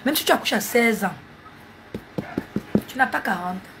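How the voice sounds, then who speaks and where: A woman's voice: a little high, animated, moderate pace, background noise. A woman, mocking and scolding viewers in a heated live stream on her phone. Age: 40s.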